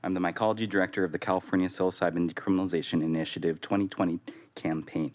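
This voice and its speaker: A man's voice: low voice, fairly even intonation, racing, a little mellow. A man giving a prepared public comment at a city council, listing his credentials.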